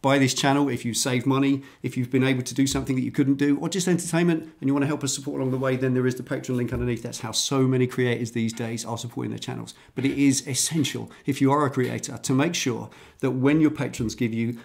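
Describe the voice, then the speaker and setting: A man's voice: medium pitch, steady tone, fast talker, gravelly, hardly any pauses, darkish tone. A man hosting a casual garage vlog, chatty and enthusiastic, recorded on a standalone microphone. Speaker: channel host.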